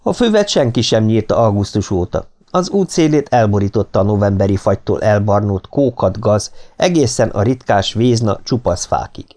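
A man narrating an audiobook in a steady, expressive reading. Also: lowish voice, hardly any pauses.

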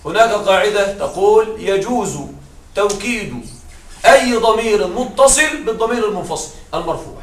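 A man teaching an Arabic grammar class. He keeps checking in with his students with short questions and slowly spells out his example phrases. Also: high voice. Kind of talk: classroom lecture. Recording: echoey room with faint noise.

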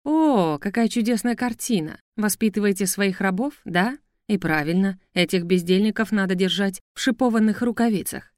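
A woman's voice: medium pitch, moderate pace, a little mellow, dry recording, clean studio sound, lightly acted. A woman reading a fussy slave trader. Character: sly red-mustached male slave trader.

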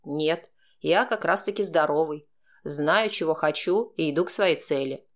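A smug young man drawls his taunts in a low, mocking voice that drips with insinuation, as a woman narrator puts him on. He sounds sure of himself and openly scornful, and his story voice sits well below her own. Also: unhurried. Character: brash mocking male student, young man.

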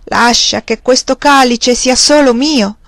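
A woman reading the lines of a pale, trembling monk, anguished and pious, gentle and pleading, in a dry close recording. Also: high-pitched, measured pace, no room sound, pitched above the performer's own voice.

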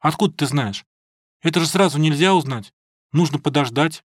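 A man's voice: a little high, moderate pace, no echo, clean studio sound, close to an everyday voice. A man reading an audiobook, voicing an earnest, naive young man who sounds puzzled.

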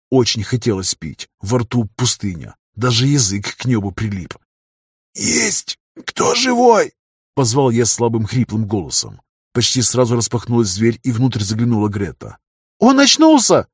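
A man narrating a first-person adventure audiobook in an even, steady storytelling voice. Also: on the low side, slightly rough, dry recording, studio quality.

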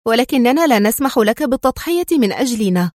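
A woman voicing an admiring, emotional young woman who speaks softly. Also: medium pitch, normal speed, no echo, clean studio sound, lightly acted. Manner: emotional, soft-spoken.

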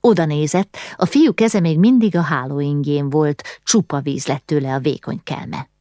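A woman narrating a novel as an audiobook in a steady, measured way. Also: low voice, no room sound, clean studio sound.

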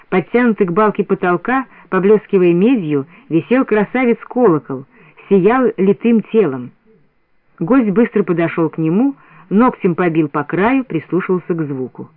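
A man narrating a story as a scripted radio reading in a steady storytelling manner. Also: high-pitched, normal speed, no room sound. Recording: dry, narrow radio sound.

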